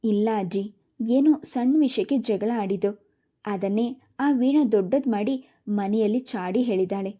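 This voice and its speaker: A woman's voice: medium pitch, moderate pace, mellow, lightly acted. A woman voicing a proud, sensitive schoolgirl who speaks while crying, in a read-aloud storybook. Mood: tearful.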